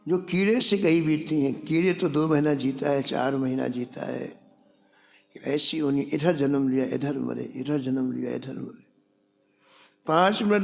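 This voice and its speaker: A man's voice: a little high, creaky. A man preaching a sermon, telling a devotional story and briefly acting out the characters' lines. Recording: long hall reverb.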